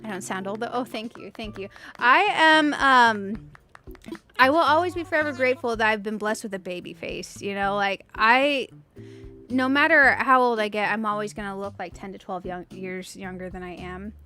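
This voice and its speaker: Hosting a video game livestream over background music, a late-30s streamer chats casually and giggles, her voice youthful-sounding. She speaks in a mid-range at a moderate pace, sounding pushed and bright.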